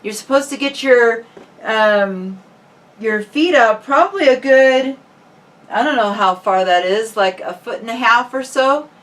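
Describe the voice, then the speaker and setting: A woman's voice: on the high side, unhurried, fairly bright tone. A woman talking casually and informally, like a fitness vlogger chatting to viewers. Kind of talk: casual vlog chat. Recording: distant microphone.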